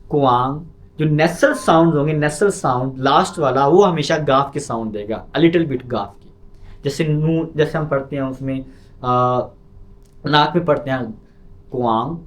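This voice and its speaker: A man with a Pakistani Urdu accent teaching an online lesson. He explains patiently and drills each sound by repeating it loudly. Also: a little high, measured pace. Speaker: language teacher.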